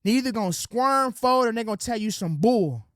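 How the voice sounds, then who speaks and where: This political commentary host has a very high, animated voice and talks fairly quickly in a dry, close recording. Speaking straight to camera, he preaches in street slang and calls his audience ladies and gentlemen. When acting out quotes, he slips into a soft, sweet-talking voice.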